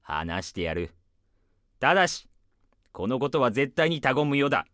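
A woman playing a pompous, gruff, quick-tempered male mouse police inspector in an audio drama, imperious and blustering. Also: very deep voice, very animated, a bit bright, dry recording, studio quality, full character voice. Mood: grave, gruff.

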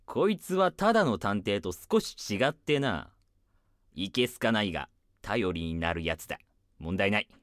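A woman's voice: extremely low pitch, big pitch swings, normal speed, no echo, studio quality. Woman acting a blustering little mouse police inspector, swooping. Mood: grave, gruff. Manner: blustering, imperious, barking. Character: tiny pompous gruff male mouse police inspector, quick-tempered. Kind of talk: audio drama acting.

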